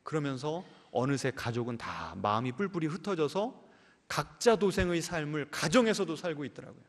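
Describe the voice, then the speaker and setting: A male pastor preaching a sermon, questioning his congregation and swinging between emphatic raised lines and soft low endings. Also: lively intonation, normal speed. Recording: church hall with long reverb.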